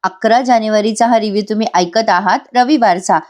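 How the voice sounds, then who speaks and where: A woman's voice: mid-range voice, brisk, darkish tone. A woman giving a voice-over review of a TV serial episode, chatty and constantly turning to her viewers. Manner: chatty, keeps addressing viewers.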